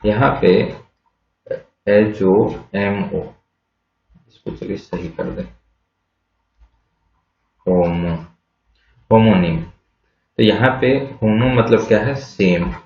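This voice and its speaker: A man gives a slow, patient vocabulary lesson in a fairly low voice, spelling out words letter by letter and quizzing his class with questions he answers himself. The sound is muffled and lo-fi, with an echoey room around him. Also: gravelly, darkish tone. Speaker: English vocabulary teacher.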